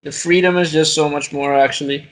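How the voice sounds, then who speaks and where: A man's voice: fairly high pitch, fairly even intonation, brisk, a loud crowd. A young man, a student, chatting casually on a podcast with blunt, profane quips. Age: young adult. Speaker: podcast co-host. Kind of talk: casual chat.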